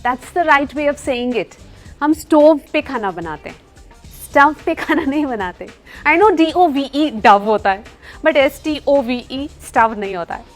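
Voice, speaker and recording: A young Indian woman with a high, light voice teaches English pronunciation in a relaxed, chatty way. She spells words out one letter at a time and drops in playful, teasing remarks as she goes. Soft music plays quietly beneath her voice. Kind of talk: casual spoken lesson.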